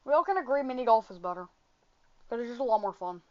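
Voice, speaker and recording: A woman hosts a loose, casual podcast chat, rambling from topic to topic with plenty of swearing and quick asides. Her voice sits a little high, and the recording sounds dull and lo-fi. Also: animated, dark tone. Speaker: podcast host.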